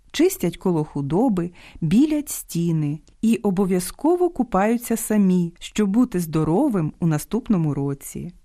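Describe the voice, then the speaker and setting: A woman hosting a radio program about language, reading a scripted talk with a didactic tone and clear stress on each example word. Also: lowish voice, no echo, studio quality. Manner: didactic, lively emphasis on quoted words.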